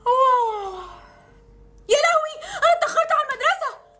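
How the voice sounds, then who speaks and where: A woman with an Egyptian accent acting out a girl in her own story skits, dramatic and lively. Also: extremely high pitch, brisk, soft background music. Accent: Egyptian Arabic. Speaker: storyteller playing the lead girl.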